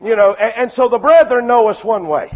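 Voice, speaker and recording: A man preaching a sermon, impassioned and often shouting, with a repetitive preaching cadence. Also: very high voice, brisk, muffled recording.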